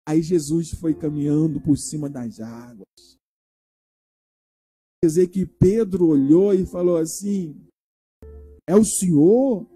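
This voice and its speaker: A man's voice: fairly high pitch, slightly rough. A male pastor giving a children's sermon in a church, retelling a story and asking the children questions as he goes. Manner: animated, asks the children questions.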